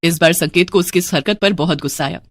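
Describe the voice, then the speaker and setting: A woman narrating a dramatic story in an expressive, scripted way. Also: lowish voice, quick pace, dry recording, studio quality.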